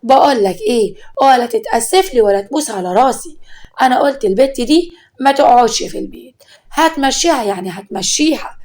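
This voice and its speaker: A woman with an Egyptian accent voicing a domineering older mother-in-law, loud and scolding. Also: a little high, lively intonation, quick pace, close to an everyday voice. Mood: angry.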